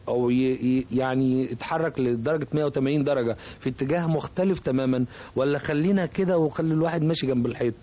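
Mellow-voiced Egyptian composer. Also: male voice, medium pitch. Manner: reflective, hesitant, searching for words. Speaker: composer, guest. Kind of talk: radio interview.

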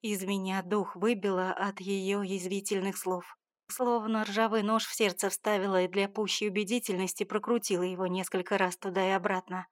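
A woman narrating a first-person audiobook in a steady, measured, dramatic reading. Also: mid-range voice, no echo, studio quality.

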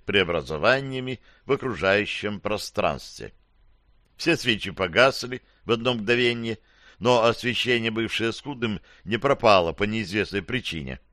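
A man's voice: lowish voice, bright, forceful tone, dry recording, studio quality. A man reading a fantasy audiobook in the first person, with a wry, slangy storytelling manner. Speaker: audiobook narrator.

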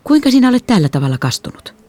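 A woman voicing a brisk, kindly nurse with a matter-of-fact manner, pitched higher than her reading voice. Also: sing-song, dark tone, no echo.

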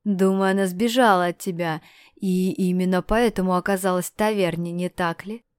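A woman's voice: on the low side, fairly even intonation, moderate pace, smooth, dry recording, natural voice. Woman voicing a sneering menacing villain. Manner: loud, sneering and leering. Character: brash menacing male stranger, mocking villain.

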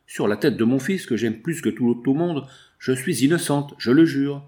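A man's voice: lowish voice, lively intonation, normal speed, darkish tone, natural voice. A pleading young mother, read by a man. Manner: pleading, emotional. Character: anguished young widowed mother.

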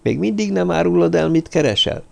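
A man doing a wary, high-voiced tavern keeper. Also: expressive, gravelly, darkish tone. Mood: questioning. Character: Mexican male tavern keeper, wary, superstitious.

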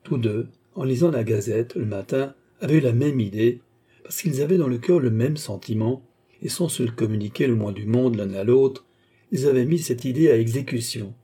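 A man reading a classic novel aloud in a steady, measured manner. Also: mid-range voice, slightly rough. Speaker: audiobook narrator.

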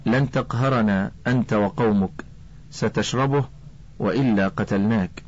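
A man voicing a rough, menacing horseman in a storybook, speaking harshly and threateningly. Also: on the low side, normal speed, a little mellow, highs cut off, natural voice.

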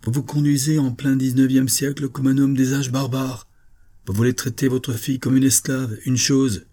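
A man's voice: mid-range voice, level tone, normal speed, warm tone, voice pushed up, natural voice. A man reading an audiobook, voicing a composed and resolute aristocratic mother who stands up to her husband. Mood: firm. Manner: firm and composed. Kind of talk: audiobook reading of a 19th-century novel.

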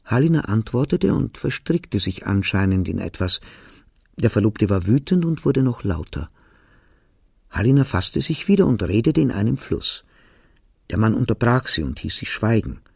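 Gravelly, husky male novel reader. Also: lowish voice, very animated, no echo, clean studio sound. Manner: quiet, measured first-person storytelling. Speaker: narrator. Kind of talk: literary reading of a novel. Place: radio studio.

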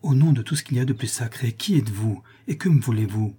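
A man's voice: mid-range voice, quick pace, dark tone, slightly rough. A man voicing a defiant young nobleman accused before a tribunal, speaking with raised, indignant force. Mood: pleading.

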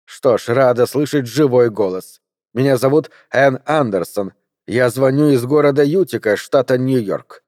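A man reading aloud voicing a furious, sharp-tongued woman who snaps and mocks. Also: mid-range voice, moderate pace, no echo, studio quality, lightly acted. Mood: sarcastic. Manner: snapping and sarcastic.

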